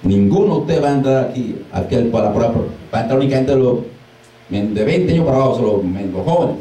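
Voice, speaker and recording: Speaking quickly in a mid-range voice, this man is a deliverance minister giving an informal sermon to a small gathering. He's lively, mimicking exclamations and laughing while he preaches, and the mic sits far from him in a room full of echo.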